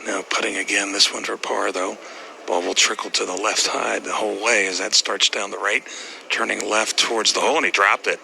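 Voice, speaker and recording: A man's voice: fairly low pitch, flat delivery, brisk, creaky, pushed and bright, slight background noise, low-quality recording. A man reporting from out on the course as a golf commentator, talking through each putt and shot live. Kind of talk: live golf commentary, describing putts step by step.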